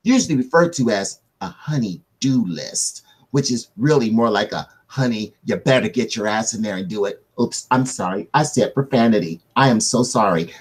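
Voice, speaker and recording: A man voicing an overly cheerful boy scout salesman giving a sales pitch. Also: animated, moderate pace, breathy edge. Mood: mock apologetic.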